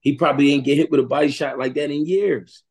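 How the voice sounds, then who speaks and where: Male guest, husky voice, plain conversational explaining. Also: fairly high pitch, steady tone, quick pace, a little mellow. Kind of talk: casual interview chat.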